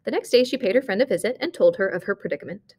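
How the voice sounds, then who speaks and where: A woman reading a short story aloud, narrating in a measured, expressive way. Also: medium pitch, slightly rough. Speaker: reader.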